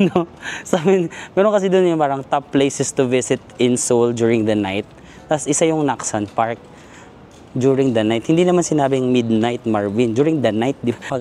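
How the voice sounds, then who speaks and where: A man's voice: mid-range voice, warm tone. A man with a Filipino accent chatting in a casual travel vlog while walking outdoors at night, self-mocking and laughing often. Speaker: travel vlogger. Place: outdoors in a city park at night.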